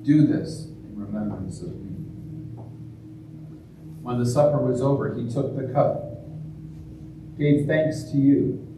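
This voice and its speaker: Man, priest, slow measured liturgy, heavy cathedral echo, distant mic, background hiss. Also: medium pitch. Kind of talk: sermon and eucharistic prayer. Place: large church. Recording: echoey church from far off, noisy.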